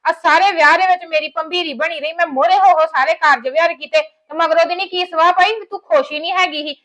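An actress playing a resentful daughter-in-law who complains bitterly about family money and a wedding. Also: female voice, very high voice, steady tone, fast talker, fairly bright tone. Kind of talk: village family drama acting.

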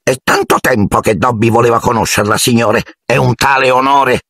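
A man reading an audiobook and voicing a tearful, servile male house elf with a piercing, squeaky voice that wails and grovels. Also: fairly even intonation, normal speed, fairly bright tone, no echo, clean studio sound. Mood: eager. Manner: groveling, overwrought, wailing. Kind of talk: audiobook character voice.

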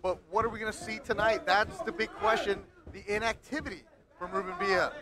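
A man's voice: high-pitched, fairly even intonation, brisk. A man doing live play-by-play boxing commentary in clipped, short phrases. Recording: live event with crowd noise behind. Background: boxing crowd.

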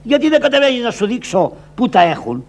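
A man's voice: extremely high pitch, very animated, pitched above the performer's own voice, heavily acted. A man voicing Odysseus, a commanding heroic captain in a shadow-puppet play, declaiming orders solemnly. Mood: commanding, worried. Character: Odysseus, grown male hero and commanding captain. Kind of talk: traditional shadow-puppet theatre voice.

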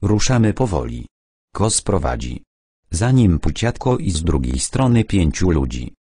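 A man's voice: sits low, big pitch swings, measured pace, mellow, husky, dry recording, full character voice. A man voicing a harsh army sergeant who gives curt, crude orders during a night raid in an audiobook. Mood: stern, hushed. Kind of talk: audiobook character voice.

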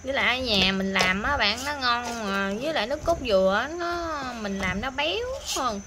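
A woman's voice: a little high, expressive, moderate pace, heavy background noise. A woman with a Southern Vietnamese accent, chatting playfully through a home cooking vlog in a country kitchen. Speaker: vlogger. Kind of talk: casual cooking vlog chat. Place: rural home kitchen with wood stove.

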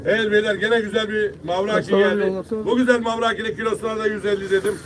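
High-voiced male auctioneer in a loud crowd. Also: fairly even intonation, fast. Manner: repetitive sales calls addressed to the gathered buyers. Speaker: fish auctioneer. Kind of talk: live auctioneer calling prices and selling lots to bidders. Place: busy fish market auction. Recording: distant mic amid loud market crowd. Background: loud crowd of buyers.

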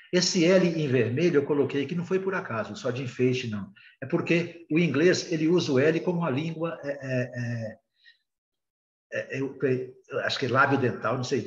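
A man's voice: fairly high pitch, roomy sound, lo-fi sound. A Brazilian man with a Brazilian Portuguese accent teaching a recorded beginner lesson, explaining patiently and hesitantly with many filler sounds. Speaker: English teacher.

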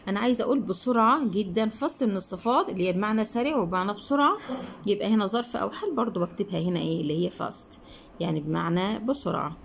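A woman's voice: mid-range voice, gravelly, low-quality recording. Egyptian woman teaching English, faint hiss. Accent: Egyptian Arabic. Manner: asks questions and answers them herself; reads English words slowly, then explains quickly in Arabic. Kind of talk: explaining a textbook lesson.

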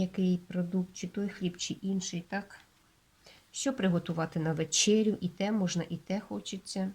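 A woman with a Ukrainian accent giving a casual tarot reading, explaining each card in an unhurried way, with many hesitations and checks with the viewer. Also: medium pitch, mellow, husky. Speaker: tarot reader.

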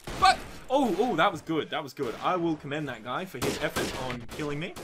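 An Australian man hosting a casual gaming commentary, excitable and yelping at the game. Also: a little high, fast, very noisy. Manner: excitable, yelps and shouts at the game. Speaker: let's play host. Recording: game gunfire under the voice.

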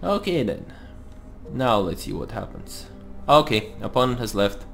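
A man with a slightly deep voice gives casual gameplay commentary. He thinks aloud as he goes, with faint music underneath. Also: sing-song, measured pace, vocal fry. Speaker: host of a card game let's play series.

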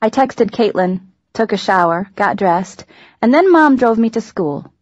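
A woman's voice: fairly high pitch, expressive, a little slow, no echo, muffled recording. Wry woman reading an audiobook. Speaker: audiobook narrator. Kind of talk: scripted narration.

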